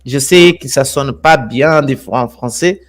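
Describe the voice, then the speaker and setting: A man from Brazil with a Brazilian Portuguese accent, hosting a live stream in a gentle, unhurried, affectionate way and often repeating his words. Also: medium pitch. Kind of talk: casual live stream talk.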